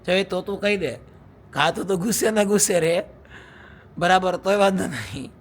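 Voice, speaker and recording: A man's voice: high-pitched, moderate pace. A young man vlogging at home as a husband, chatting casually and teasingly with viewers and laughing often. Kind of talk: casual vlog chat to viewers.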